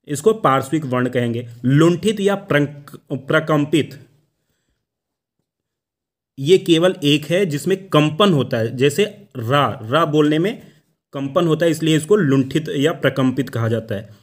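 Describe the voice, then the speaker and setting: A man teaching Hindi phonetics for an exam, explaining step by step, asking questions and answering them himself, and sounding out each letter slowly. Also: on the high side.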